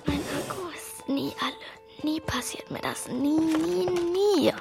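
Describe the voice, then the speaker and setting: An excitable, know-it-all young girl in a children's radio play. Her earnest voice is fairly high and takes its time, with faint music behind. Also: measured pace, creaky. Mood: frantic, hushed.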